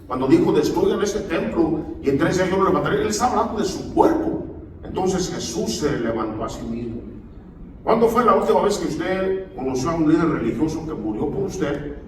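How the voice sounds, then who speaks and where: A man's voice: a little high, noisy background. A male pastor preaching a sermon in a church, often asking the congregation for amens. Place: church hall. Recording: echoey hall, voice far from the mic.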